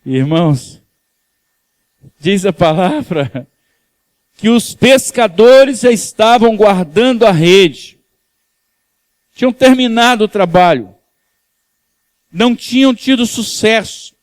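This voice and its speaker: A man's voice: sits high, lively intonation, slow pace, pauses often, no echo. A male pastor, preaching a sermon in a conversational way, teasing the congregation and asking for amens. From Brazil. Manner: conversational, teases the congregation, asks "amém?". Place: church.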